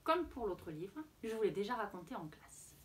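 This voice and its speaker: A woman teacher reading a picture book aloud to children in an expressive storytelling voice. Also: mid-range voice, normal speed, a little hiss or hum.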